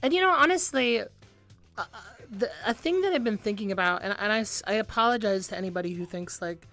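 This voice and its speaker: A young woman chatting casually to viewers on a livestream in a cute, bubbly anime-streamer manner, excitable, giggly and rambling. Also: medium pitch, fairly quick, soft background music. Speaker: music streamer, VTuber.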